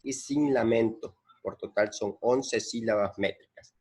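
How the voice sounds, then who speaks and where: A man's voice: fairly low pitch, measured pace, darkish tone, slightly rough. A man teaching a lesson, patiently explaining and repeating points and counting syllables aloud. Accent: Central American Spanish.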